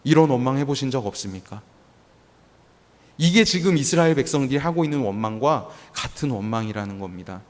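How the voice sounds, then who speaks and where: A man preaching a sermon as pastor, asking the congregation rhetorical questions in an animated way. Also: mid-range voice, a little fast. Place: church sanctuary. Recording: long church hall reverb.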